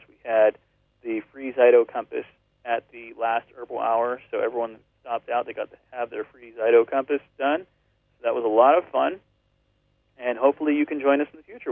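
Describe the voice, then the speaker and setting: A man's voice: mid-range voice, steady tone, moderate pace, creaky, no echo. Guy reading out specials and a phone number on radio, dry tinny sound. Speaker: radio show co-host. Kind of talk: announcing events and specials.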